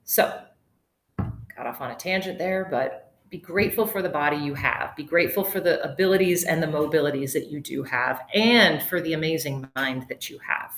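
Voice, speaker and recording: A woman's voice: low voice, moderate pace, fairly bright tone. Chatty middle-aged woman, roomy echo. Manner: chatty, digressive, laughs often. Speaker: yoga instructor and webinar host. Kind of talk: casual webinar talk.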